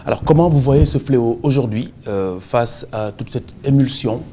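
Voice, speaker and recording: A man interviewing a guest on television, asking long questions in a halting way. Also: medium pitch, dark tone, a little hiss or hum. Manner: hesitant, halting questions with fillers and restarts.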